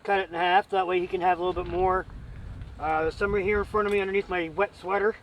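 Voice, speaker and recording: High-pitched man, folksy camping vlog host. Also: little pitch movement, fast talker, recorded from a distance, slight background noise, low-quality recording. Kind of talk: casual chat to camera with a friend.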